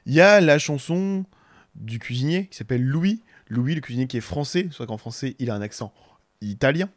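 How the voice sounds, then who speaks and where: A man's voice: mid-range voice, lively intonation, fairly quick, no room sound. A man with a French accent chatting casually on a podcast, rambling with restarts and humming tunes. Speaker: podcast co-host. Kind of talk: casual chat about film music.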